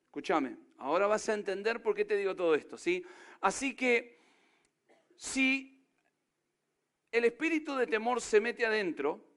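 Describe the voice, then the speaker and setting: An expressive, unhurried pastor whose high, fairly bright voice pauses often delivers a sermon in an Argentine Spanish accent. He's emphatic, repeatedly putting rhetorical questions to the congregation.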